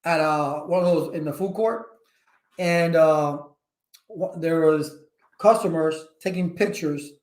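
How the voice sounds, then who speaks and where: A man hosting a casual livestream talk, energetic and rambling, with many fillers and restarts. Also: fairly high pitch, takes it slowly, echoey room. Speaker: channel host.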